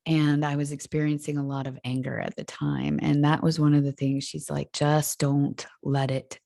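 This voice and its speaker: A woman's voice: low-pitched, little pitch movement, brisk, creaky, warm tone, no room sound, studio quality. A woman guest on a podcast, speaking candidly and reflectively in casual conversation, laughing easily.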